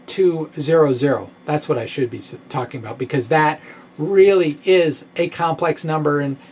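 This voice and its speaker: Close to a stand-mounted microphone in a small home room lined with bookshelves, a middle-aged man presents a science video blog. His fairly high voice moves haltingly and self-deprecatingly, with emphatic swings, as he gives an informal explanation to camera, partly reading.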